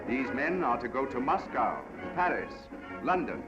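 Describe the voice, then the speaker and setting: Old newsreel guy narrating, big lively swoops, dull lo-fi sound over loud music. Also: mid-range voice, unhurried. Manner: dramatic, declaiming.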